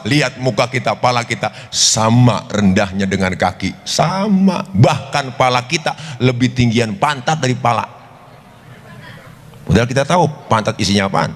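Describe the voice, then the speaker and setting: A male preacher with a Betawi accent, animated and full of jokes, who keeps turning to address his listeners directly. His voice sits at a middle pitch and carries a long hall echo. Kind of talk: humorous sermon. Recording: reverberant hall.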